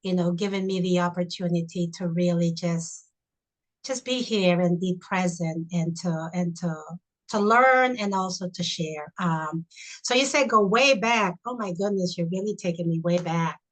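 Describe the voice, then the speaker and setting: Appearing as a guest on a webinar, a chaplain from Honduras, an older woman who grew up speaking Spanish, shares her life story thoughtfully, with many "you know"s. She speaks on the low side at a normal speed. The sound, coming through a video call, is poor.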